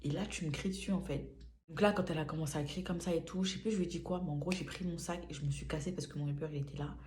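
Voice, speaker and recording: A woman's voice: low-pitched, rapid-fire. A young woman from France telling a personal story to camera in a casual, slangy way, acting out the dialogue. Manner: lively, slangy, acts out dialogue. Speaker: vlogger.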